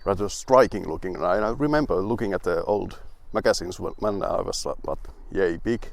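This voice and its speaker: Young male car reviewer, lowish voice, dry wit, rambling and grumbly. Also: fairly quick, gravelly, dry recording. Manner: rambling, with restarts and asides.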